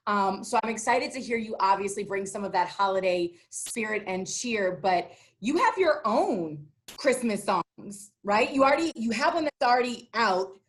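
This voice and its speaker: A woman radio host chatting casually and warmly in an interview, full of fillers and enthusiasm. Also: medium pitch, expressive, moderate pace, few pauses.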